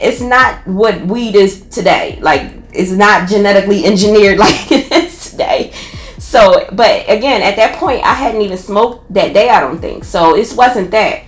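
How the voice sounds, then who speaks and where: A woman with a Philadelphia accent tells a personal story in a casual podcast, animated and full of restarts. Her voice sits in the middle of the female range. The room around her is noticeably echoey. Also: medium pitch. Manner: animated retelling with many restarts and laughs.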